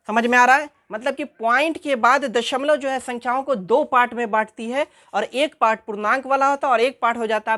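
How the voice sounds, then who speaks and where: A woman's voice: a little high, fairly bright tone. A woman teaching a math lesson who asks her class questions, answers them herself and repeats the key terms.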